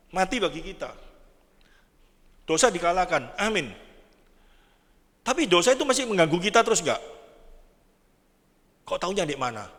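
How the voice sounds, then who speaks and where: A man preaching a sermon, animated and quizzing his congregation. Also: high-pitched. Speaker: pastor. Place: large church hall. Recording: echoey church hall.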